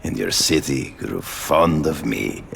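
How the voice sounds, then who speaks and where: An actor playing a proud, self-righteous big-game hunter in a video game, with a gravelly voice and hammy, theatrical, formal delivery. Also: male voice, rumbling low, animated, slow, slight background noise, exaggerated voice. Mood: proud, measured.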